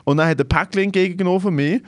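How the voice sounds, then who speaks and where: A young Swiss man with a Swiss German accent tells stories on a podcast, acting out the quotes as he goes. His voice sits a little high, and the sound is dry and close to the mic. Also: rapid-fire, no echo. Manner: animated storyteller, acts out quotes, laughs often. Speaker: comedian, podcast co-host. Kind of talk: casual chat, storytelling.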